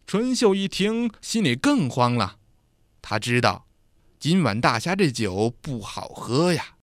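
A man narrating a dramatic story in an expressive, animated way. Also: mid-range voice, measured pace, dry recording, clean studio sound.

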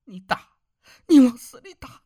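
A man voicing a young village wife, husky and pleading, in an audiobook story. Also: high-pitched, sing-song, moderate pace, dark tone, no room sound, clean studio sound, pitched above the performer's own voice, full character voice. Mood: anguished. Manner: pleading, rising to cries. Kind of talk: audiobook character voice.

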